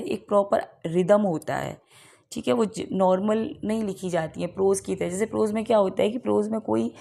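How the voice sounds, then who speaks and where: An Indian woman teaching English literature for an exam, with a gravelly, creaky edge to her mid-pitched voice. She reads each question out slowly, then explains it in easy conversational Hindi. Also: darkish tone. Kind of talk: exam-prep lecture.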